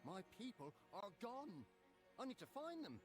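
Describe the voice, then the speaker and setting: A man's voice: high voice, big pitch swings, a little slow, music in the background, voice pushed up. A man voicing a reluctant, hot-tempered young male Viking in a game story. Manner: pleading, then demanding.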